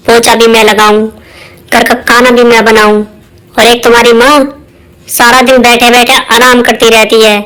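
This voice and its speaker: A woman's voice: a little high, a bit bright, close to an everyday voice, rough recording. A woman doing a whiny, scheming young wife. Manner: whiny, complaining. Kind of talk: cartoon voice acting.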